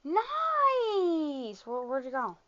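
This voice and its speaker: A woman hosts a loose, casual podcast chat, rambling from topic to topic with plenty of swearing and quick asides. Her voice sits a little high, and the recording sounds dull and lo-fi. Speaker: podcast host.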